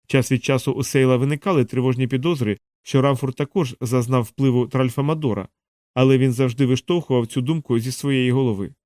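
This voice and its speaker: A man narrating an audiobook in a steady, even storytelling manner. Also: medium pitch, brisk, no room sound, clean studio sound. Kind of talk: scripted narration.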